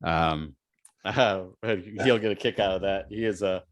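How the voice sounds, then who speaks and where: A deep-voiced man from Indiana in the United States, with an American accent, speaks at a measured pace. He co-hosts a casual chat show, joking and rambling as he talks about favorite books.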